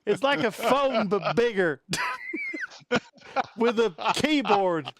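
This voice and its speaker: A man's voice: extremely high pitch, huge pitch swings, extremely slow, background noise, heavily acted. Guy doing a goofy southern old-timer, drawly and patient, voice jumping up and down. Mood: mock-folksy. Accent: put-on stereotype Southern US. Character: rambling old-timer man, folksy, lecturing.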